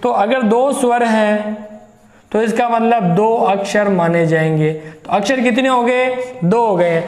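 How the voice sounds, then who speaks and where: A man teaching a grammar lesson for exam students. He speaks slowly, repeats each word aloud to show how it sounds, and asks his students questions as he explains step by step. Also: sits high, a little mellow, echoey room.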